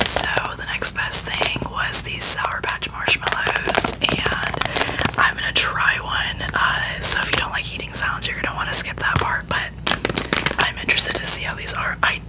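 A woman in her twenties with an American accent whispers casual ASMR chat close to the microphone. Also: poor audio. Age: 20s. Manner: whispering throughout. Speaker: ASMR video creator. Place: bedroom, indoors. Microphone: close microphone resting on the bed.

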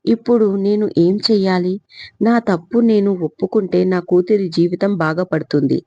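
A woman's voice: lowish voice, steady tone, moderate pace, warm tone, no room sound. A woman voicing an anxious middle-aged mother, speaking in a frantic, pleading way. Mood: anguished. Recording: slightly dull lo-fi recording.

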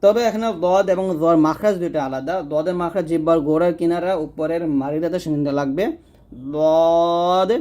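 A man teaches letter sounds in a patient, step-by-step lesson. His voice sits a little high for a man. He says each sound slowly and repeats it for the learner to copy. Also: mellow. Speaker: Quran recitation teacher.

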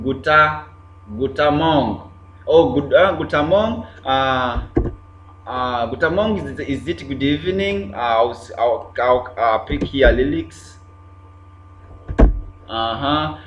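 A man's voice: medium pitch, fairly bright tone. Chatty man on a livestream. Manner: chatty, repeats himself, greets viewers by name. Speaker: livestream host. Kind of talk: casual livestream chat with viewers. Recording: roomy, dull lo-fi sound with faint hum.

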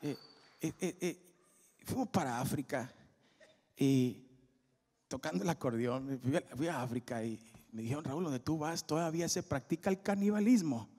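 A man's voice: fairly high pitch, normal speed, long pauses, slightly rough. A man giving a humorous testimony at a church service, acting out scenes as he tells them. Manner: animated storyteller, acts out scenes with jokes. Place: large church auditorium. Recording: echoey hall with faint music.

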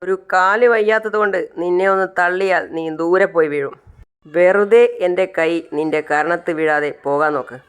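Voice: medium pitch, normal speed, a bit bright, clear, resonant tone, lightly acted. A narrator playing a distrustful older man who mocks and scorns the remorseful father in a retold serial. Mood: mocking. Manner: scornful, teasing.

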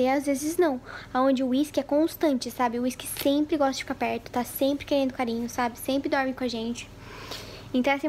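A young woman with a high voice chats casually into a handheld camera at home, rambling and full of fillers. Now and then she drops into fond baby talk for her cat. A faint room ambience hums behind her. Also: dark tone, slight background noise. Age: young adult. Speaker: vlogger. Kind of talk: casual vlog chat. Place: at home, first kitchen then living room.

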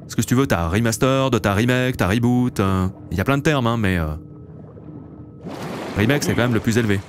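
A faint hiss sits under the medium-pitched, fairly quick voice of a man in his late twenties hosting a let's play. He keeps things easy and loose, chatting casually to viewers as he plays.

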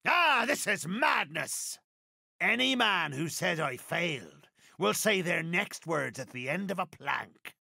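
Swaggering older game pirate captain, raspy and forceful, pitched fairly high, thick West Country pirate accent, grand archaic delivery. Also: male voice, no echo, clean studio sound, exaggerated voice. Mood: exasperated, angry. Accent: theatrical West Country pirate. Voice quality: gravelly, raspy. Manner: theatrical, rolling archaic pirate phrasing. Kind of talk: video game character voice lines.

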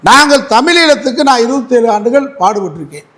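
Combative high-voiced man in interview. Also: sing-song, a little fast, fairly bright tone. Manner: combative, repetitive, mocking. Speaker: interview guest, advocate. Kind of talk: heated political interview.

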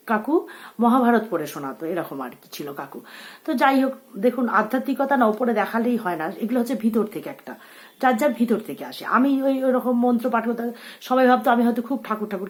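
A woman hosting her own channel, talking casually and reflectively about her childhood faith, with many pauses and fillers. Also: fairly high pitch. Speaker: channel host. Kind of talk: casual personal talk.

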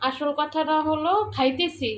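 High-voiced woman with a Brahmanbaria accent. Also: fairly even intonation, normal speed, low-quality recording. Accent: Brahmanbaria Bengali. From Brahmanbaria, Bangladesh. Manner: chatty, explains local words while cooking. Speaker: cooking vlogger. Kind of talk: casual cooking demonstration.

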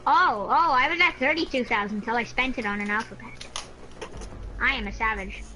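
High pitched woman gaming on a headset, bright voice, teasing and excitable. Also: a little fast, faint music behind, poor audio. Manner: excitable, teasing, repeats herself. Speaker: gamer. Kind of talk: casual gameplay chat. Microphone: headset mic.

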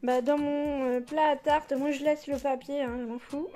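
This thirties-aged home cook vlogger has a high-pitched yet dark voice, keeping a level tone and moderate pace. In her kitchen she casually talks through a cooking tutorial, chatty and heavy on fillers, often laughing at herself.

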